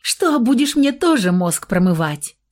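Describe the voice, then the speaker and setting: An indignant young student girl, put on by a woman reading a story aloud snaps and shouts in a raised, swooping voice. The tone stays mellow underneath, read in a storybook manner. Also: fairly high pitch, big pitch swings, a little slow, pitched above the performer's own voice. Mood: furious. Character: angry rebellious young woman student, near eighteen.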